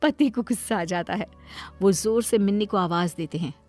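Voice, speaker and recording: A woman's voice: mid-range voice, normal speed, darkish tone, dry recording, soft background music. A woman narrating a moral story for a cartoon in a plain storytelling manner.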